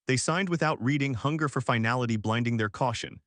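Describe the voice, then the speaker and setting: A man narrating a first-person story in an even, measured way. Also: mid-range voice, no echo, studio quality.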